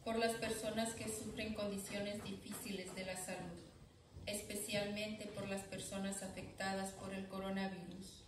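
A woman reading the prayer intentions as lector in a church sanctuary, in a steady, even reading. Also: medium pitch, moderate pace. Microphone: far camera. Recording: echoey church from far off, background noise.

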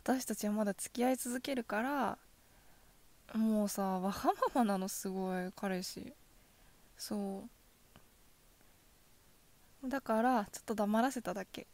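A woman voicing a possessive yandere girlfriend in a soft ASMR role-play, sweetly coaxing with quiet menace. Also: medium pitch, measured pace, pauses often, natural voice. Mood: coldly jealous. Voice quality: soft, often dropping in a soft voice. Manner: yandere: sugary coaxing turning quietly threatening.

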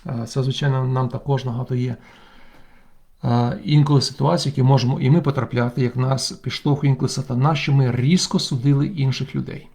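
A man leading a Bible study as bishop, working through Greek words one by one. His voice is gravelly and dark, with frequent thoughtful pauses. He sounds like he is speaking into a computer mic on an online call. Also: mid-range voice, steady tone. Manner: deliberate, reads Greek words aloud and explains them, pausing often with "eh". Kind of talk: remote Bible lesson with Greek word study.

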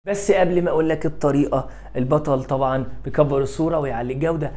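Lively Egyptian man teaching English. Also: fairly high pitch. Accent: Egyptian Arabic. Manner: drills words by repeating them slowly and encouraging pupils. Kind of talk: classroom lesson explanation.

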